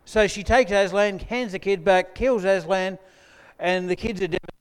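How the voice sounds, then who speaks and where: A pastor preaches a sermon on a mic in a church hall, speaking conversationally and tossing joking asides to the congregation. His voice is high and clean at a normal speed, and the recording carries a long hall reverb.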